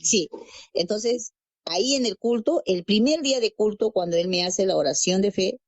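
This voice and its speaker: An animated woman from Peru, a guest and adult parent, gives her conversion testimony at a moderate pace in a medium-pitched voice. She tells it as a story, performing the quoted dialogue and circling back to certain phrases. No echo is present.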